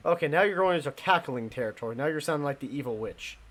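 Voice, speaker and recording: A man's voice: fairly high pitch, lively intonation, a bit bright. Chatty young male game streamer. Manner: chatty, talks to chat, quick laughs. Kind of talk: casual live game commentary.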